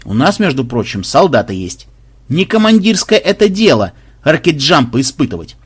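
Guy doing a grumpy old grandpa soldier, husky, all over the place. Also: a little high, very animated, normal speed. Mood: gruff. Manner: grumbling, gruff. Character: grumbling older grandfather soldier. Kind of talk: audiobook voice acting.

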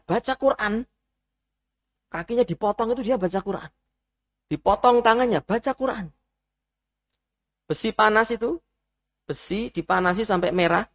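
Javanese-accented male teacher, gravelly, animated lecture storyteller, muffled lo-fi audio. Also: a little high. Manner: animated storytelling with Javanese asides, mixing in Arabic terms. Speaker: religious teacher. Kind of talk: Islamic study lecture.

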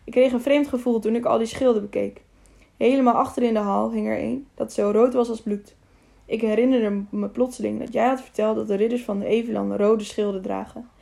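A woman's voice: fairly high pitch, fairly even intonation, a little fast, gravelly, warm tone. A woman reading the part of a clever, modest young man who tells things in a chatty, plain way. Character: cheerful, clever, modest young male friend.

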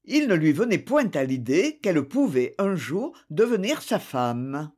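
Slow, expressive audiobook narrator. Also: mid-range voice. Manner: measured, expressive reading. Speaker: audiobook reader. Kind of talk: literary narration.

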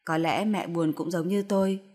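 A woman narrating a story in first person with a steady, expressive reading. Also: lowish voice, normal speed.

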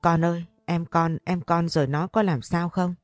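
A woman's voice: on the low side, steady tone, moderate pace, no room sound, lightly acted. A woman voicing an anxious, fretful older mother in a read-aloud story.

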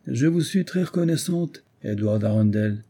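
A man's voice: fairly low pitch, lively intonation, normal speed, mellow. A man reading aloud, voicing a bitter and proud middle-aged widow who answers with cold haughtiness.

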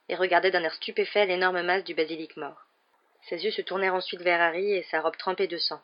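A woman narrating an audiobook in a measured, even reading voice. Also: fairly low pitch, dull audio. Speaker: audiobook reader.

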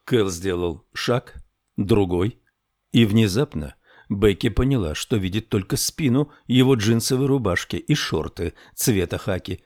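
A man narrating a thriller audiobook in a slow, measured storytelling manner. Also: on the low side, darkish tone, dry recording, clean studio sound.

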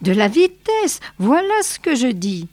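A woman voicing a brash, impatient old woman who cackles and speaks in a high, loud, brusque voice. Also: big pitch swings, a little slow, no room sound.

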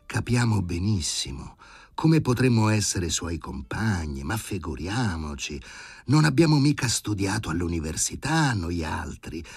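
A man's voice: on the low side, gravelly, breathy edge, no room sound, voice pushed up, full character voice. A man voicing a coarse, cocky man who used to be a stray dog, talking back with brash, sarcastic insolence in an audiobook reading.

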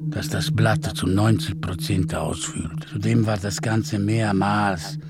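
An actor narrating a radio drama as a measured, gravelly storyteller of an eerie tale. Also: male voice, on the low side, fairly even intonation, heavy background noise. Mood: ominous, measured. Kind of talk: scripted narration.

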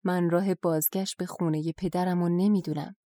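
A woman's voice: on the low side, fairly even intonation, warm tone, no room sound, natural voice. A woman voicing a young man who has come home to see his father, speaking earnestly and firmly.

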